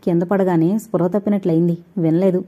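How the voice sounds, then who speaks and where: A woman's voice: on the low side, fairly even intonation, brisk, mellow, husky. A woman voicing a feverish, distraught young woman in an audio novel, with anguished, pleading speech. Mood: frightened, faint.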